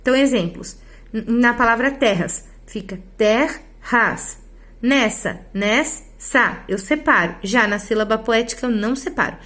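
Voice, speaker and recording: A teacher with a slightly high voice walks her class through the material one step at a time. She keeps checking that the students follow her, with little tag questions as she goes. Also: animated, moderate pace, a bit bright. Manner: explains step by step with frequent checks like "tá?" and "né?". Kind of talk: online class lesson.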